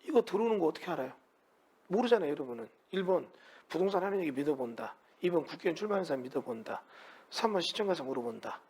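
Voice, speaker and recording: A man's voice: fairly high pitch, lively intonation, fast talker, a little mellow, husky. A man teaching a real estate law class, asking his students many rhetorical questions. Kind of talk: lecture to students.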